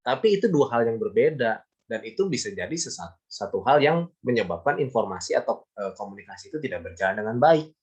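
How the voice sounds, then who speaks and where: Brief: a male teacher, easygoing and emphatic, repeating key points to students in a mid-pitched voice. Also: sing-song, brisk, darkish tone, husky, lo-fi sound. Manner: chatty, repetitive, emphatic, gives everyday examples. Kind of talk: casual classroom lesson.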